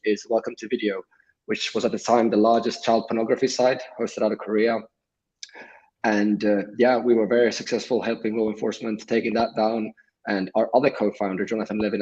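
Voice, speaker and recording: Low-voiced Swedish-raised man on a dull lo-fi line. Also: darkish tone. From Sweden. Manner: explanatory, measured, frequent fillers. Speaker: guest. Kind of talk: livestream interview.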